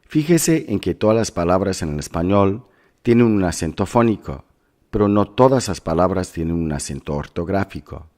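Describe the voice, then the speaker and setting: A man instructor reading scripted class notes in a measured, instructive way as a lesson voice-over. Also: low-pitched, expressive, darkish tone.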